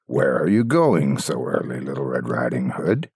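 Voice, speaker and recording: A sly, hungry wolf from a storybook, as a male reader plays him. He coaxes and threatens in a deep, husky, gravelly voice. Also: big pitch swings, moderate pace, darkish tone, no echo, studio quality, exaggerated voice. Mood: coaxing. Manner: smooth-talking, wheedling, menacing. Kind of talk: fairytale storybook reading.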